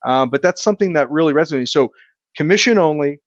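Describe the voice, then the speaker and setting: An earnest man talks as a guest on a casual podcast. He is reflective and deliberate. The recording sounds a bit dull and dry. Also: on the high side, animated, no room sound. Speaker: podcast guest, insurance agent. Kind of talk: casual chat.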